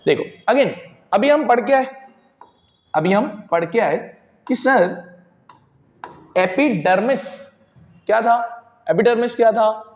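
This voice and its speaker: A young Indian man with a high, bright voice runs through a science revision lesson. He poses questions to his class and answers them himself, repeating the key words. The sound is echoey and a little muffled, with a long room reverb. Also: lively intonation, slow pace, long pauses. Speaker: science teacher. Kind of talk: Hinglish revision lecture.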